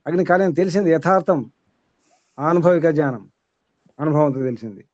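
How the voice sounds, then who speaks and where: A man's voice: on the high side, expressive, moderate pace, a little mellow, no room sound, highs cut off. A man teaching a small group as their spiritual guide, asking rhetorical questions and repeating his points.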